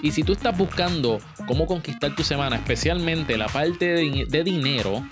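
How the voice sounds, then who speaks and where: A man's voice: a little high, animated, moderate pace, music in the background. A man hosting his own business podcast, talking straight to the listener with a pushy, motivational push and English words mixed in. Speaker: podcast host. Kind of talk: energetic motivational podcast talk.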